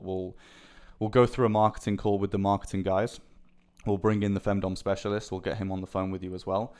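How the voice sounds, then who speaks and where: A man giving a persuasive, business-like sales pitch over the phone, often checking that the listener agrees. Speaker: agency sales caller.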